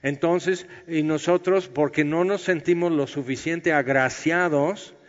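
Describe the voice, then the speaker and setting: A man's voice: fairly high pitch, steady tone, unhurried. A man preaching a conversational sermon, explaining scripture and acting out its dialogue. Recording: dull, long-reverb hall sound.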